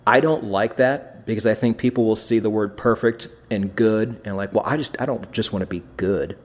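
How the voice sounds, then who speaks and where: A man's voice: on the low side, moderate pace. A man hosting a podcast in casual chat, blunt and swearing freely, often restarting his phrases. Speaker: podcast host.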